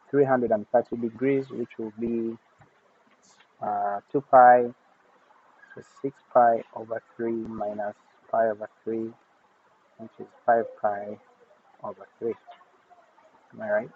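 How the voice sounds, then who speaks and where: Man explaining math over tinny audio. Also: mid-range voice. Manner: steady step-by-step explaining, talking through working aloud. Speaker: math teacher. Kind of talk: recorded math lesson. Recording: tinny phone-like audio with faint noise.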